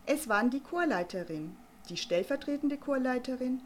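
A woman reading a children's story aloud, expressive and playful. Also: high-pitched, moderate pace, a little hiss or hum. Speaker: narrator.

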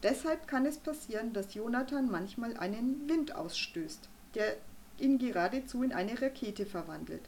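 A woman voicing a stern, pompous male doctor who lectures gruffly in an audiobook reading. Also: on the high side, expressive, moderate pace, a little mellow, slight background noise. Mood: confiding. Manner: gruff, lecturing, then conspiratorial.

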